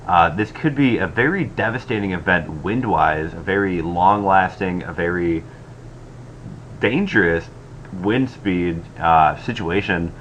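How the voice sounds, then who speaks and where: Low-voiced man on a cheap, muffled mic. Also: unhurried, fairly bright tone. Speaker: amateur weather forecaster. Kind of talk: explanatory weather update commentary over maps. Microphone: cheap stand-in microphone. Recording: dull, noisy cheap microphone audio.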